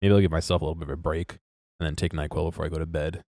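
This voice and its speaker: Talking casually to his stream chat, a man with a very low, darkish, congested voice rambles at a rapid-fire clip, restarting sentences and laughing at himself. His tone stays steady, and the recording is close and dry with no echo or room sound.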